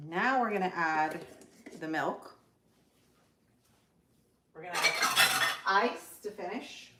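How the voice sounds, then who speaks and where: Her voice lowish and animated, a Spanish-accented woman from Central Florida, United States, takes things slowly as she hosts a casual live cooking stream at home. Friendly and chatty, she greets viewers by name and talks through every step amid room echo and faint background noise.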